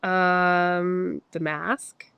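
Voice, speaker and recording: A woman's voice: lowish voice, little pitch movement, drawn-out words, gravelly, clear, resonant tone, no echo, highs cut off. Woman, rambling, thinking aloud, dry sound. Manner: rambling, thinking aloud, quoting imagined reactions. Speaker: interview guest. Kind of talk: casual chat.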